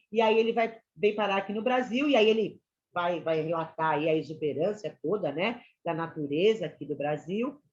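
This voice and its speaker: A Brazilian woman teacher giving a chatty online literature lesson to students, often checking in with them. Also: medium pitch. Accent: Brazilian Portuguese. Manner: chatty, addresses students as "gente" and "galera". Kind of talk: online class lecture. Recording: slightly dull lo-fi sound.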